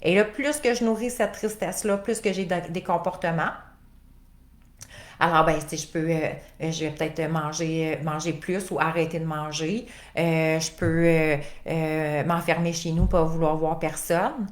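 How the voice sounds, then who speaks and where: A woman's voice: low voice, steady tone, a little slow. A woman life coach with a Québécois accent, giving a conversational live talk full of fillers and rhetorical questions. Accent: Québécois French. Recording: roomy echo.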